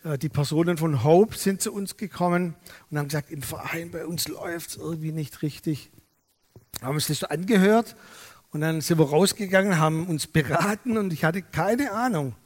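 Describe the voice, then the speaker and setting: Man, pastor, sermon, high voice, lively storytelling, long echo of a church hall. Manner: lively storytelling, acts out dialogue.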